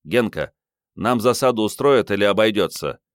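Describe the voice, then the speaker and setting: A male audiobook reader voicing a curt, gruff, tired man who leads a small squad. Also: on the low side, lively intonation, normal speed, no echo, clean studio sound, close to an everyday voice.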